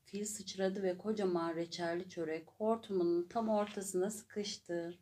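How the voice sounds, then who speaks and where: A woman narrating a children's story in a slow, gentle and clear way. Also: mid-range voice, steady tone, slight background noise.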